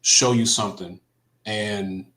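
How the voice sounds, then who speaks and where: Halting low-voiced man in a roomy echo. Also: fairly even intonation, fairly bright tone. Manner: halting, many ums and restarts. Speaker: co-host. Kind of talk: casual faith chat, recounting a dream.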